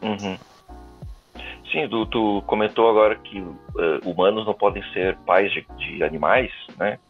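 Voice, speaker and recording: A man's voice: lowish voice, measured pace, soft background music. A man interviewing an author, affirming her often and padding his questions with little fillers. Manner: lots of fillers and affirming murmurs. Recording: tinny phone-like line.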